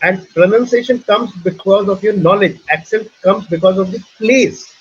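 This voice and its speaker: Husky-voiced Indian man hosting a webinar. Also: high voice, moderate pace. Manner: earnest, advisory, restarts sentences and repeats points. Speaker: webinar host and trainer. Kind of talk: casual teaching talk in a webinar. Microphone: video call. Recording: muffled online call audio.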